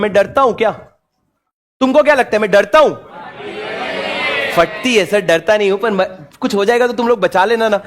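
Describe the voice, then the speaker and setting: A young adult Indian teacher with a high-sitting voice delivers an animated exam revision lecture. He blends Hindi and English and acts out student questions himself.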